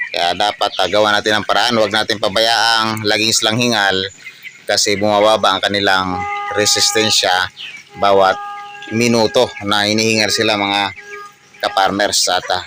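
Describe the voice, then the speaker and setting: A man, walking through his poultry house and explaining in a casual, repetitive way, pointing things out with many fillers and tag questions. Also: medium pitch. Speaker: poultry farm vlogger. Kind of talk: casual walkthrough narration. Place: chicken house on a farm. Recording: noisy farm with chickens. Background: clucking chickens.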